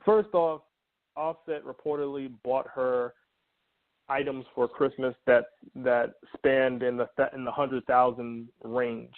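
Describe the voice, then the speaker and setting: A man co-hosting a podcast, animated and indignant as he recounts celebrity news in casual chat. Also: medium pitch. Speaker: podcast co-host. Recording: tinny phone line.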